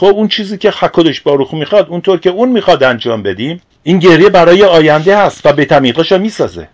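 A man, a religious teacher, preaching a sermon in an earnest, explanatory way and posing rhetorical questions. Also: on the high side. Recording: dull lo-fi recording.

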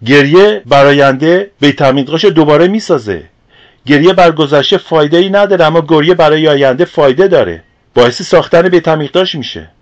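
Brief: male religious teacher giving a sermon, earnest and explanatory, slightly high voice, muffled lo-fi recording. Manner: earnest, explanatory preaching with rhetorical questions. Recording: dull lo-fi recording.

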